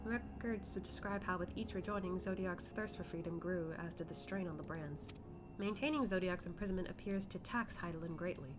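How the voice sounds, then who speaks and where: A woman's voice: lowish voice, fairly quick, noisy background, natural voice. A woman reading fantasy game narration aloud as a solemn, formal storyteller of ancient records. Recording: loud game music behind.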